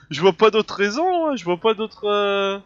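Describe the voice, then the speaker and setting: A man with a head cold narrates a video game for his channel, hesitant and stumbling through fillers and restarts as he puzzles over what's happening. His voice sits high and very animated at a measured pace, a bit bright and clean, with no room sound but the highs cut off. It's casual gameplay commentary from a noisy home recording.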